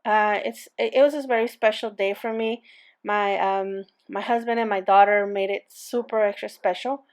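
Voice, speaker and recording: Speaking at normal speed with a medium pitch and fairly even intonation, a woman with a non-native English accent hosts a laid-back crafting tutorial. She rambles chattily, using many fillers and starting over often.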